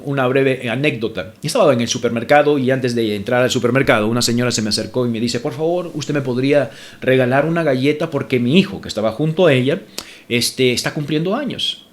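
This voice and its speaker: A male pastor preaching a sermon to his congregation, addressing them as brothers, repeating scripture references and rising sharply when indignant. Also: medium pitch.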